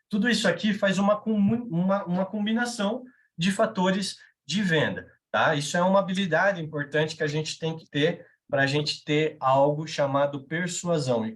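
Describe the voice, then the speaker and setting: A man with a Brazilian Portuguese accent teaching a live class, talking conversationally and checking in with his listeners. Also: on the high side. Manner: conversational, checks in with tag questions. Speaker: veterinary sales instructor.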